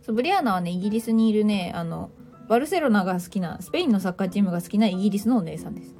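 A woman's voice: medium pitch, lively intonation, racing, mellow, soft background music. A woman hosting a casual livestream, chatting playfully, teasing listeners as she reads their comments and mixing in English phrases. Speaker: livestream host.

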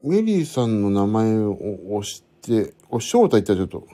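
A man's voice: on the low side, very animated, moderate pace, dark tone. A man hosting a casual solo podcast, rambling and correcting himself as he thinks aloud while fiddling with his phone. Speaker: podcast host. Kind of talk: casual solo chat to listeners.

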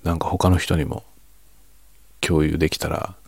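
In a quiet, husky, very deep and gravelly voice, a man who streams and writes novels as a pastime reflects casually, low-key and self-deprecating as if it were late at night. His pitch barely moves, he runs a little slow, and no room sound is audible.

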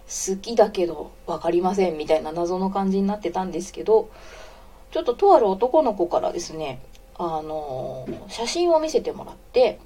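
Woman around forty, Kansai accent, mellow tone; chatty, giggly live-stream host who greets listeners mid-story. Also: medium pitch. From Osaka. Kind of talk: casual live radio chat, reading listener comments.

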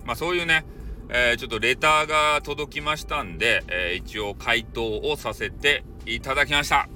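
A man from Fukuoka, Japan hosts a solo podcast, chatting casually and cracking jokes while mixing Hakata dialect into polite speech. His mid-range voice is pushed and bright, at a moderate pace.

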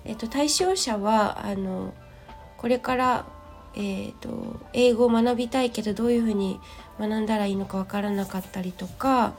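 A woman with a hoarse, gravelly just-woken voice, hosting a casual solo audio diary in a polite, rambling way, thinking aloud. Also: mid-range voice, moderate pace, darkish tone, soft background music. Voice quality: gravelly, croaky morning voice. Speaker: host of a personal audio show and tea and clay teacher. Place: at home. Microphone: smartphone.

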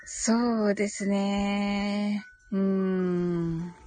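A woman hosts a casual live audio stream, reading listener comments aloud and answering politely and agreeably, often murmuring little acknowledgements. Her mid-range, dark voice is very slow and level in tone, with background music playing behind it.

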